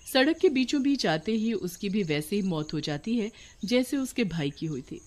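A woman narrating a cartoon storybook. Her delivery stays even and soft, moving the tale along. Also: medium pitch, normal speed.

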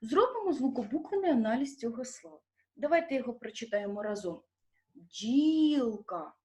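A woman's high-leaning voice swings widely in pitch as she runs a primary school lesson. She speaks with a Ukrainian accent, quizzing young children and lengthening stressed syllables in a slow, clear way.

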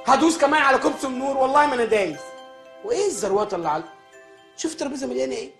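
An actor with an Egyptian accent playing a spoiled, childish, rude grown man in a TV comedy, talking very fast and whiny. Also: very high voice, lively intonation, creaky, a bit bright, soft background music, full character voice. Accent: Egyptian Arabic. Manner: petulant, rapid, complaining. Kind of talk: TV comedy series acting.

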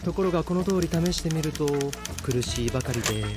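A man's voice: on the high side, animated, brisk, lightly acted. A man playing an eccentric, breezy young anime character with an airy, theatrical delivery. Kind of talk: Japanese anime acting. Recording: loud music behind.

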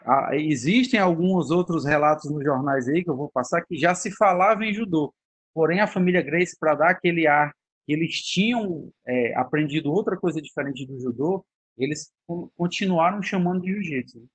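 A man lecturing over a video call in a conversational, explaining manner. His voice is a little breathy and set somewhat high, and the sound is dry and close. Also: normal speed, dry recording. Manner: explanatory, conversational, frequent tag questions. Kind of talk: online lecture.

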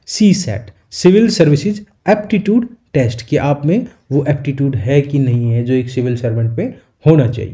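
A man teaching an exam-prep lecture, explaining in Hindi and reading definitions slowly in English. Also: fairly high pitch, mellow.

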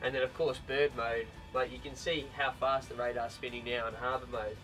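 A man in his thirties with an Australian accent, explaining equipment in a relaxed, matter-of-fact way on a boat deck. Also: medium pitch, moderate pace. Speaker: product representative. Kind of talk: casual technical explanation. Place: open deck of a boat on a bay, outdoors. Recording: slightly distant from mic, music underneath.

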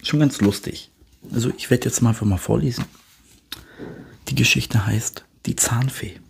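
Breathy man reading a children's story. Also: mid-range voice, normal speed. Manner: animated, often slips into whisper. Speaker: storybook reader.

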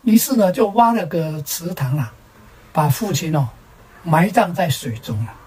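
A woman's voice: on the low side, lively intonation, dark tone, husky, poor audio. A woman telling a string of short jokes as a show host, stretching the particles at the ends of her phrases. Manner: drawn-out particles at phrase ends, sing-song. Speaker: joke teller, show host. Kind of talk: storytelling jokes.

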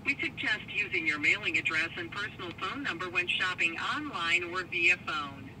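A high-pitched male automated phone menu voice, its prompts spliced together from separate recordings and read in an even, scripted way. It plays from a phone speaker that sounds distant from the mic. Clear noise sits under it inside a car. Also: normal speed. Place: car, played over a phone.

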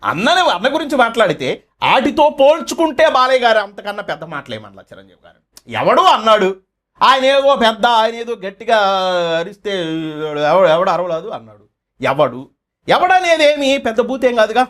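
A man's voice: high-pitched, very animated, brisk, fairly bright tone. A man, running his own channel and delivering a fiery, accusatory political commentary full of rhetorical questions.

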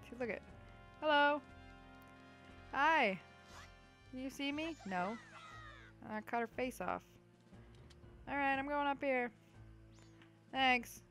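A woman's voice: high voice, unhurried, long pauses, fairly bright tone, soft background music. A young woman giving chatty, goofy gameplay commentary, swearing freely as she plays. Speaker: let's play host.

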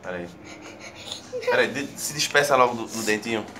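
Young father, mid-pitched, patient and coaxing, casual home-video talk with faint background noise. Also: brisk, bright, forceful tone. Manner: patient, coaxing, giving step-by-step instructions. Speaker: father filming his son.

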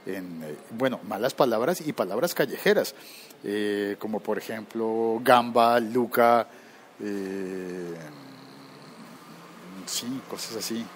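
Low-voiced man rambling on a podcast. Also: slow, a little hiss or hum. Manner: rambling, easily sidetracked, frequent self-corrections. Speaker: tech podcast host. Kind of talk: live podcast chat. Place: recording room at work.

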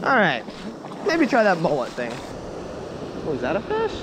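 A fishing vlogger stands in the surf on a beach, talking to an action camera in a high voice at normal speed. His narration is casual, chatty, and self-mocking, with bursts of excitement whenever he thinks a fish is on. The windy outdoor audio carries wind and crashing waves.

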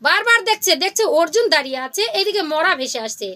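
A woman narrating a devotional story in an animated way, acting out each character's lines. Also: very high-pitched, quick pace.

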